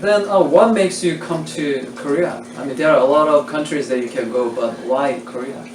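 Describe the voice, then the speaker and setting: A man's voice: a little high, normal speed, noisy background. A man hosting a casual interview, asking questions hesitantly and with many fillers. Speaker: interviewer and channel host. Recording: echoey room, mic at a distance.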